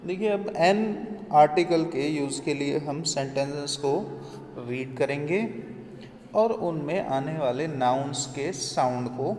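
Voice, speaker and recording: A male teacher explaining grammar slowly, asking rhetorical questions as he goes. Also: fairly high pitch, a little mellow. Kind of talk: classroom grammar lesson. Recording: echoey room, faint ambient noise.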